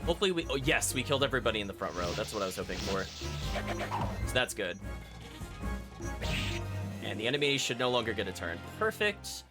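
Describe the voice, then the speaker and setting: A man with a lowish voice live-streams a video game, thinking aloud and chatting with viewers as he plays. He's very animated and brisk but leaves long pauses, with video game music running behind him.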